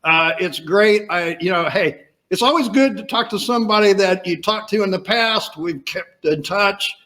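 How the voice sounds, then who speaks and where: This podcast host, a man on a video call, keeps the interview chat casual while pressing his points emphatically with rhetorical questions. His voice sits high and sounds bright and forceful at a normal speed.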